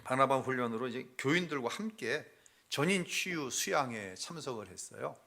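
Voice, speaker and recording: A middle-aged male pastor telling a personal family story in a sermon, moving between hushed confession and loud acted-out quotes. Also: mid-range voice, animated, moderate pace, gravelly.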